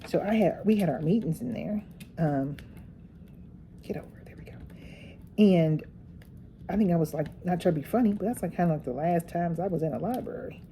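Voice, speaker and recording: A woman's voice: on the low side, a little fast, mellow, a little hiss or hum. A middle-aged woman chatting casually while crafting, a rambling storyteller with folksy phrases. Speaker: craft vlogger.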